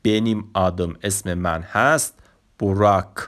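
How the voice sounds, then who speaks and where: A man who speaks as his teaches a Turkish grammar lesson, often saying "look" and slowing down to pronounce the example sentences. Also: lowish voice, animated. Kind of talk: explanatory language lesson.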